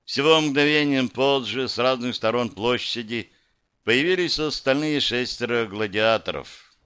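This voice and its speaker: A man's voice: mid-range voice, measured pace, fairly bright tone, smooth. A man narrating a first-person fantasy audiobook with dramatic, vivid storytelling.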